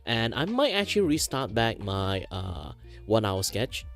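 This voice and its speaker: A low-pitched male livestream host with very lively, swinging intonation. He chats casually in a rambling, hesitant, self-deprecating way while guitar music plays behind him. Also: measured pace, vocal fry. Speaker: livestream host, virtual streamer. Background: background music with guitar.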